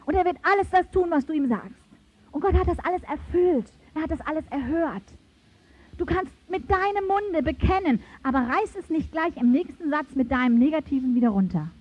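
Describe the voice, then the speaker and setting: A woman preaches a sermon with animated emphasis, her pitch swinging dramatically as she tells stories and reads verses. She speaks briskly, and the recording is dull and lo-fi.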